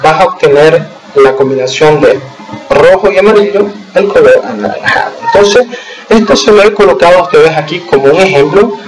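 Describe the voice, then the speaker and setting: A man teaching an English lesson to schoolchildren, explaining slowly and patiently and pausing to check they follow, slowing down to spell out example sentences. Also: fairly high pitch, animated, low-quality recording. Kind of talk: recorded remote lesson over slides.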